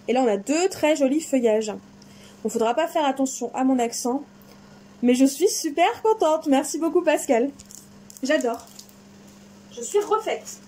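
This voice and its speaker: A crafting vlogger unboxes craft supplies, chatting casually and enthusiastically in a high voice with a dark tone. She's chatty and exclaims often.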